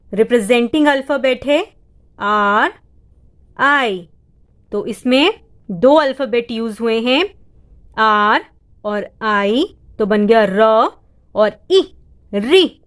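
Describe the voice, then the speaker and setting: A woman's voice: fairly high pitch, lively intonation, slow, pauses often. A woman tutor, patiently explaining vowel sounds step by step and drawing out each sound. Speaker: home tutor teaching reading. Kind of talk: step-by-step lesson.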